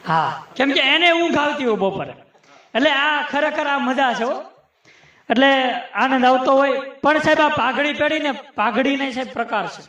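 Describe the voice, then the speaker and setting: A man performing folk comedy on stage, chatting and teasing the audience, then reciting rhyming sayings in a steady rhythm. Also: very high voice, moderate pace, echoey room, dull audio. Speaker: folk humorist.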